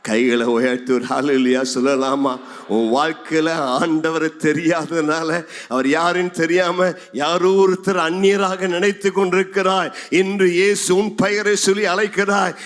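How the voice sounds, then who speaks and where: High-voiced Tamil pastor preaching dramatically. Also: male voice, steady tone, moderate pace. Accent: Tamil Nadu Tamil. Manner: dramatic, acts out scripture dialogue, rising to shouts. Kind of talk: sermon. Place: large church hall.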